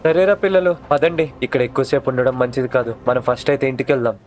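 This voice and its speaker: A man's voice: mid-range voice, very fast, lightly acted. A man voicing a fussy, flustered uncle looking after kids in a cartoon dub. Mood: scolding. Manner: scolding, flustered.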